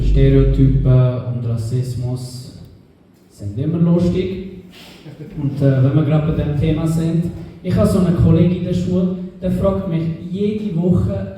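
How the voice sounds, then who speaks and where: A man's voice: a little high, mellow, slight background noise. A young man from Switzerland with a Swiss German accent, telling ironic stories in a stand-up set. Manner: ironic storytelling to a live crowd. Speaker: stand-up comedian. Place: club stage. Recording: roomy live venue from far off.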